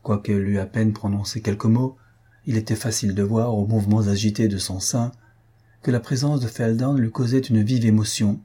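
A man reading a classic novel aloud in measured, even storytelling. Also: lowish voice, slightly rough. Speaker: audiobook narrator. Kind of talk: scripted narration of a classic novel.

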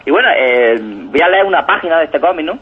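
A man's voice: a little high, sing-song, quick pace, a little hiss or hum. A man rambling enthusiastically about comics on a radio show, often asking "¿no?". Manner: enthusiastic, rambling, keeps tagging "¿no?". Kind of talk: casual radio chat. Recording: tinny phone-like radio audio.

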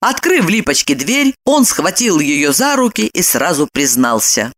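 A woman reading a novel aloud as an audiobook narrator, in an expressive, dramatic storytelling manner. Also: low voice, unhurried.

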